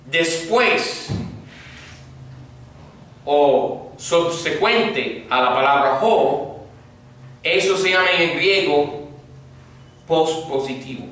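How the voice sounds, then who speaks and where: Slow-spoken pastor teaching a class. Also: male voice, a little high, fairly bright tone. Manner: patient, checks understanding, drills repetition. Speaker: pastor teaching Koine Greek grammar. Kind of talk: classroom grammar lesson. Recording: echoey room, voice from far off, faint noise.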